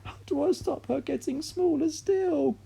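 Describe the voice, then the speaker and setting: A man's voice: big pitch swings, normal speed, gravelly, dark tone, breathy edge, heavily acted. A man voicing a fretful, anxious mother who wails and shrieks in a read-aloud story. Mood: panicky. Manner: shrill, wailing, panicky.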